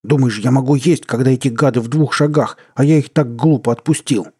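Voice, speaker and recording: A man voicing a hot-headed young giant of a son who shouts in fury, in a read-aloud story. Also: mid-range voice, brisk, slightly rough, voice pushed up, lightly acted. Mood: angry. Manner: shouting, raising his voice.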